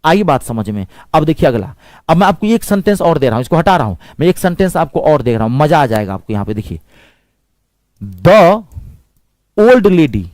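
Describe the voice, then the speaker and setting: Guy teaching grammar, kinda high voice, super animated, spells stuff out slow. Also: no room sound, rough recording. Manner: lively, drills words slowly with repetition and spelling. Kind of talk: classroom-style grammar lesson.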